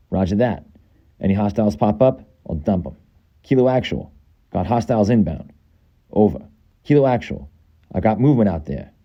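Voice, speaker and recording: A man's voice: lowish voice, mellow, lo-fi sound. A man with a Boston accent voicing a tough American soldier in a video game, giving clipped military radio callouts. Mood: clipped, steady. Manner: clipped, urgent military delivery.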